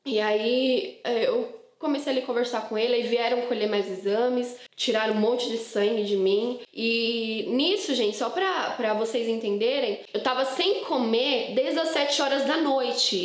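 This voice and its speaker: A woman with a Brazilian Portuguese accent telling her personal testimony to viewers in an earnest, emotional, casual way, often repeating words. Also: a little high. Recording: echoey room.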